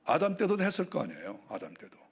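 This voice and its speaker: A man's voice: medium pitch, wildly swooping pitch, fast talker, vocal fry, slightly rough. Conversational male pastor preaching. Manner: conversational, full of rhetorical questions. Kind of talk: sermon.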